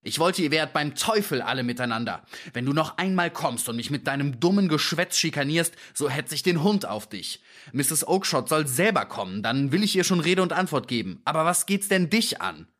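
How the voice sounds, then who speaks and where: A man's voice: on the low side, very animated, normal speed, hardly any pauses, full character voice. A man doing a furious, blustering market dealer. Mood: angry shouting. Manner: shouting, blustering, raised and strained. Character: gruff male market dealer, angry and threatening.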